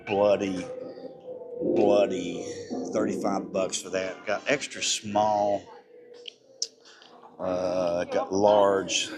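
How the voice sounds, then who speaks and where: A man live-streaming as he walks through an outdoor theme park at night, excited and a little breathless, rambling and chatting with passersby on a handheld phone. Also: deep voice. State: slightly breathless. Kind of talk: casual walking live-stream chat.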